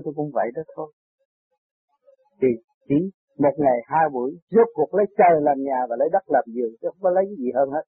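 A man with a high, husky voice preaches earnestly and tells his own story with growing excitement. The sound is thin and tinny, like a tape played over a phone line. The recording is dry, with no room echo. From Vietnam. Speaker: spiritual teacher. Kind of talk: impassioned spiritual talk and personal story.

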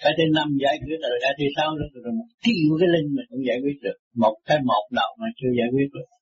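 A man giving an informal Buddhist teaching in a blunt, repetitive, scolding manner, with a husky voice. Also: on the high side, racing, highs cut off. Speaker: spiritual teacher.

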